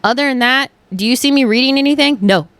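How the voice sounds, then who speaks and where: A woman's voice: sits high, fast talker, fairly bright tone, dry recording. A woman hosting a podcast from her couch at home, talking in a casual, emphatic way, with lots of "like" and some swearing. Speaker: podcast host.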